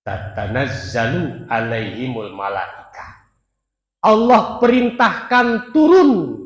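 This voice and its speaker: A man preaching a sermon at a mosque, swinging between loud calls and soft near-whispers and chanting Arabic verses, speaking directly to the congregation. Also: on the low side. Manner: addresses the congregation directly as "Pak". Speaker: preacher at a dawn mosque study. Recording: echoey mosque hall with long reverb.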